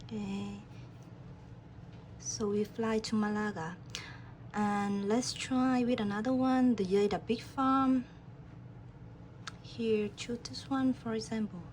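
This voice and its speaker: Slow, calm woman demoing software. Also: on the high side, slight background noise. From Vietnam. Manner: calm, guiding the viewer step by step. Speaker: program applicant demoing her task. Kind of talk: screen-recorded software demo.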